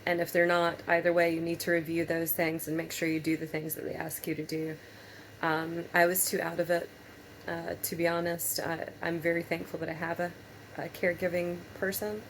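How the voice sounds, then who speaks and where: A woman talking casually in a personal vlog, tired and low on energy as she recovers from surgery, with halting speech and long pauses. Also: a little hiss or hum, rough recording. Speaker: patient vlogger.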